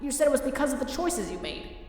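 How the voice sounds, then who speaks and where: In a dramatic fan comic dub, a woman voices a hopeful, innocent young skeleton boy, sounding earnest and pleading. Her voice is high and darkish, with wide pitch swings and a quick pace. The recording is distant, with heavy echoing reverb beneath music.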